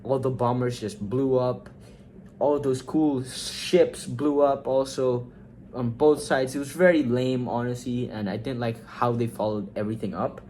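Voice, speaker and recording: A man's voice: mid-range voice, a little slow. Young guy rambling about movies, lots of likes and ums, jumps up when hyped, bit of faint hiss. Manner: rambling, fillers and quoted reactions, swings up when excited. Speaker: movie ranking vlogger. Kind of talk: casual film review.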